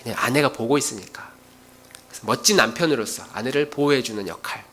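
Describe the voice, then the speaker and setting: A man's voice: medium pitch, quick pace, a bit bright. A middle-aged male pastor preaching a sermon, acting out quarrels in his own voice.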